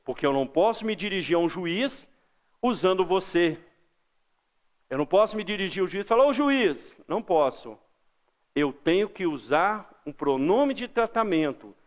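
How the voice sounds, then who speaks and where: A man's voice: sits high, lively intonation, normal speed. A man with a Brazilian accent, a teacher giving a grammar lesson to children, explaining patiently with everyday examples and questions to the class.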